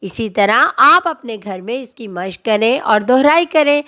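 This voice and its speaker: Woman teaching a slow children's lesson. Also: fairly high pitch, expressive, pushed and bright. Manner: slow, drawn-out call-and-response prompting.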